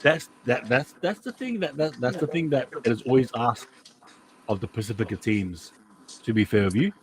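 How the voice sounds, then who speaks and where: A man's voice: mid-range voice, animated, moderate pace, a little hiss or hum, rough recording. Chatty man previewing rugby league. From New Zealand. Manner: chatty, repeats words and restarts often. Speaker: podcast host.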